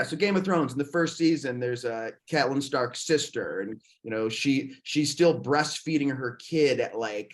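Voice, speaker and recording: Male podcast host, mid pitch, reflective, thinks out loud, restarts sentences, relaxed conversational delivery. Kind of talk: casual conversation.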